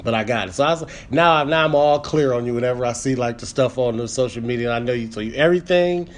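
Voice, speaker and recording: A man's voice: medium pitch, fast. A man hosting a casual comedy podcast, talking in a laid-back, slangy way with plenty of fillers. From Midwest US (born Chicago, raised Michigan).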